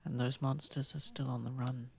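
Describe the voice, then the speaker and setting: A man with a medium-pitched, flat delivery plays a gentle, courtly old vampire in an ASMR roleplay, recorded dry on a close microphone. His voice is soft, breathy, and slightly gravelly, often near a whisper, and he sounds tender, polite, unhurried, and soothing. The mood is sorrowful yet comforting in this soft, intimate acting piece.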